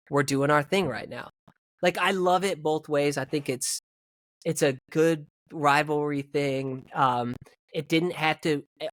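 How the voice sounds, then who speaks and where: A man's voice: fairly high pitch, no room sound, studio quality. Emphatic male sports podcast co-host. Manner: emphatic, opinionated, trailing restarts. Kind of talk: casual sports podcast chat.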